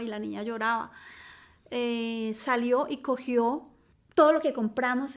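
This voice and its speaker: Hushed middle-aged woman giving testimony. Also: a little high. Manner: slow, hushed, often dropping to a near whisper. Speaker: interviewee. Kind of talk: personal testimony.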